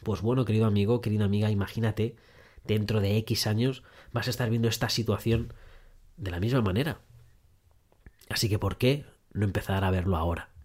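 A man's voice: lowish voice, brisk, long pauses, darkish tone. Podcast guy giving breakup advice, talks right at you, repeats stuff for emphasis. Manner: direct second-person address, repetitive emphasis. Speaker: podcast host. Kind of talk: relationship advice monologue.

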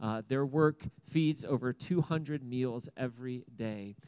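A man with an ordinary middle-pitched voice leads a church service as its pastor. He talks casually and upbeat, rambling and restarting his sentences. His tone is conversational rather than formal. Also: measured pace, a little mellow, clean tone, low-quality recording. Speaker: pastor and host. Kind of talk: sermon introduction.

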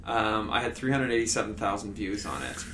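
A man chatting on a podcast, telling animated stories with many restarts and fillers. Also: fairly low pitch, brisk, reverberant, slight background noise. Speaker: storm chaser, guest. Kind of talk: casual podcast chat.

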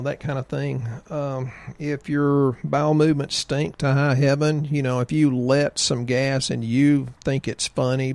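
A man's voice: mid-range voice, gravelly, darkish tone, no echo. A man casually talking about health in a folksy, joking, rambling way. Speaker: health practitioner co-host.

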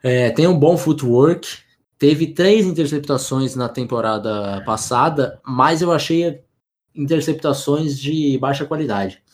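A man co-hosting a sports podcast, talking in a relaxed, rambling way with many restarts. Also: a little high, a little slow. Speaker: podcast co-host. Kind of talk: casual sports podcast analysis.

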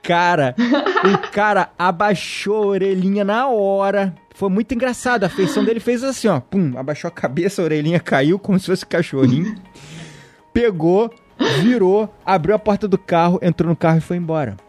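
A man with a somewhat high voice tells a story in a casual conversation. He gets animated and acts out what others said. Faint music plays underneath. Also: a little fast.

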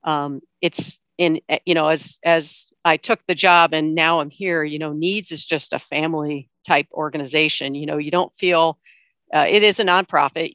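A woman's voice: deep voice, fairly bright tone, dry recording. A woman giving informal, explanatory answers as a guest in a conversational interview. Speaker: interview guest, veteran coordinator at a nonprofit.

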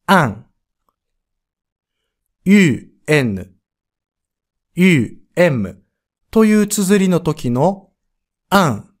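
Slow, animated man teaching pronunciation. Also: fairly high pitch. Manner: explains step by step, sounding out letters and vowels. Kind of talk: podcast pronunciation lesson.

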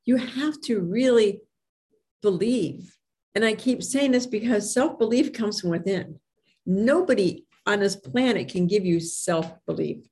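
Speaking a little slowly in a darkish, mid-range voice, this woman is a confidence coach and public speaker giving a forceful motivational talk built on personal stories. A speech impediment makes her R and S sounds imprecise; she sometimes trips over words and repeats phrases to drive points home.

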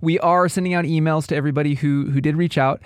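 A man's voice: on the high side, steady tone, fast talker, clear, resonant tone, dry recording, clean studio sound. A man hosting a podcast in informal conversation, rephrasing himself as he goes. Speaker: podcast host. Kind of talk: casual chat.

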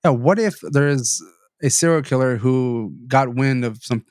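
Young male podcast host, stuffy-nosed, rambling, mid-pitched, dry mic. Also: unhurried, darkish tone, no echo. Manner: rambling with fillers and restarts. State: stuffy sinuses. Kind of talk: casual chat, reading news aloud.

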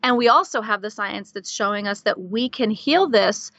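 A woman guest talking in a casual interview, animated, laughing often and leaning on filler words. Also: mid-range voice, moderate pace, no echo, muffled recording. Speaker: guest coach.

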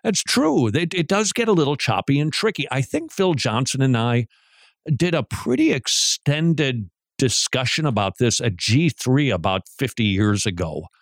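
Animated, joking male radio host. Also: mid-range voice, moderate pace, no room sound, clean studio sound. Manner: joking, animated, restarts often. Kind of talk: talk radio.

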